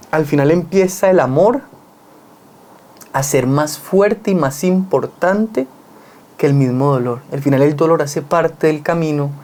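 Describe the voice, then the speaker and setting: An earnest Colombian man speaks in a relaxed, reflective conversation, his tone mellow and warm. He works his points through with plain everyday examples. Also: on the high side.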